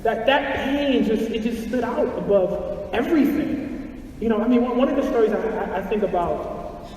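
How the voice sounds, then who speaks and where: A man's voice: very high-pitched, moderate pace, darkish tone. A man speaking in a documentary interview, telling a story earnestly and often repeating words. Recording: echoey hall, mic far off.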